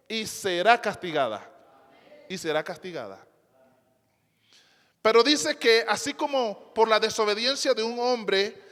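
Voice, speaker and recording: A man's voice: high-pitched, fairly bright tone. A male pastor preaching to a congregation, emphatic, repeating phrases and asking rhetorical questions. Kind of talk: sermon. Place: church before a congregation. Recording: long hall reverb.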